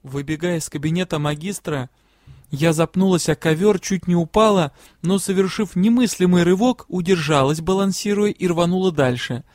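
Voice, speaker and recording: A man narrating a first-person fantasy story in a measured, quiet storytelling manner. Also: sits high, no room sound, studio quality. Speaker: audiobook reader.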